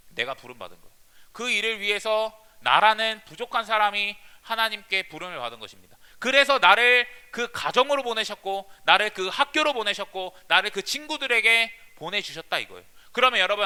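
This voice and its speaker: A man's voice: sits high, pushed and bright, clean tone. A man, a youth pastor, preaching a sermon and answering his own rhetorical questions with emphatic call-and-response.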